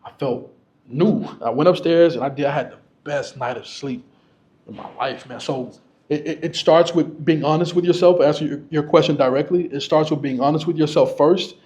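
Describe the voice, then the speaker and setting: A featured guest tells candid stories to a live audience, speaking casually and laughing often. His voice is a little high and darkish, at a normal speed.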